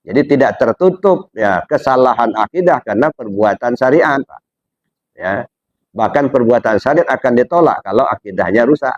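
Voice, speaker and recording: A man's voice: medium pitch, expressive, moderate pace, dry recording, lo-fi sound. A man from Indonesia giving informal religious teaching, talking directly to a listener with rhetorical questions and frequent "ya, dah.".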